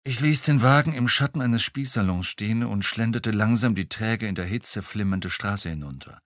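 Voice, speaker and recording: A man reading a first-person crime novel aloud, telling it in a wry, lively way. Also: lowish voice, normal speed, no echo, studio quality. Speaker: audiobook reader.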